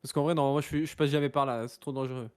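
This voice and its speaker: A man in casual, quick-fire game discussion, questioning and challenging the other players. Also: mid-range voice, steady tone, smooth.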